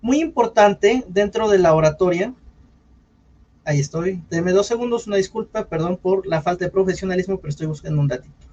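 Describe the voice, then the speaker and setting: A man's voice: high-pitched, a little fast, a little mellow, lo-fi sound. A man with a Mexican accent, a radio announcer giving an online lecture on public speaking in a chatty way, often correcting himself and apologizing. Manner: conversational, self-correcting, apologetic asides.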